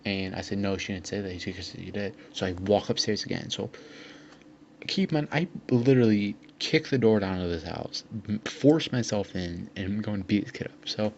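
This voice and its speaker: A man's voice: lowish voice, animated, normal speed, creaky, a little mellow. A young man casually telling a long personal story, rambling with lots of fillers and quoting what people said. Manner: rambling, filler-heavy retelling with quoted dialogue. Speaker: vlogger. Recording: dull lo-fi sound with faint hiss.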